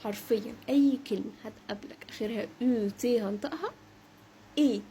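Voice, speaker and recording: A young woman with an Egyptian Arabic accent giving a brisk short French lesson, saying each example word slowly and repeating it. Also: fairly high pitch, dark tone, slight background noise. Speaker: French teacher. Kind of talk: short social media language lesson.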